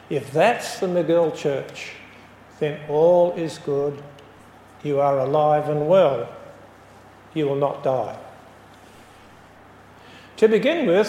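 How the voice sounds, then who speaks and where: In a spacious church hall with a long echo, a man preaches a sermon as pastor, his voice high, unhurried, and a little mellow. He tells his story and punches each point home with emphasis, with a bit of hiss or hum in the background.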